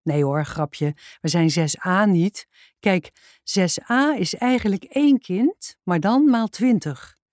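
A playful young male teacher who chats and jokes with his class in a children's story, as a woman reading the book puts him on. He sounds a little brighter and livelier than the narration, in a dry, close recording. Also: mid-range voice, lively intonation, slow, dry recording. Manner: playful, chatty. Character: cheerful young male schoolteacher, joking.

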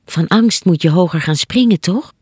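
A woman voicing a curious, timid young boy who whispers softly. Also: fairly low pitch, moderate pace, husky, dry recording, clean studio sound. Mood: hushed.

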